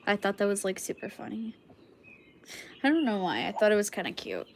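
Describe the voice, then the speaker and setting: A woman's voice: medium pitch, sing-song, a little fast. A young woman streamer chatting casually to viewers, rambling with lots of fillers and coughing from a cold. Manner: rambling, filler-heavy, frequent "like". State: sick with a cough. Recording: clicky background noise.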